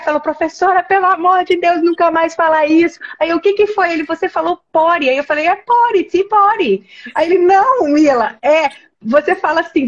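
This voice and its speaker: High-voiced animated Brazilian woman. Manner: animated storyteller, acts out scenes. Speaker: host, university professor. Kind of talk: casual chat over video call. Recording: slightly dull lo-fi sound.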